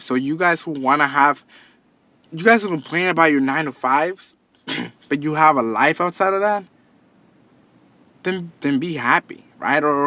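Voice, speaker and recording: A podcast host and entrepreneur in his thirties delivers a casual motivational monologue, speaking earnestly to his listeners while often repeating himself and starting over. His voice is slightly high, bright and forceful, with no echo.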